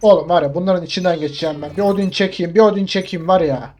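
A young man streaming a shooter game, excitable and swearing as he jokes with his viewers. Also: high voice, fast talker. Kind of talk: gameplay commentary.

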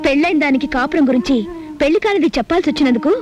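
A high, fast, sharp-tongued voice of a woman playing a headstrong young woman, lecturing and defiant. Film music plays behind her lines. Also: natural voice. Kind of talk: film dialogue. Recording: film soundtrack with background music.

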